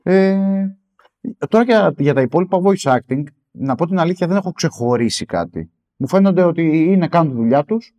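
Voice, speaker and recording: A man's voice: fairly high pitch, big pitch swings, darkish tone. Man musing through a film chat. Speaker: podcast co-host. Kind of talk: casual film discussion.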